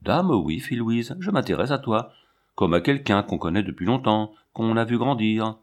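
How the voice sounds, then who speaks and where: A proud, firm middle-aged woman in a storybook reading, voiced by a man. She speaks sternly in a low voice and holds her ground, turning away an advance. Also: expressive, normal speed, close to an everyday voice. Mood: pleading.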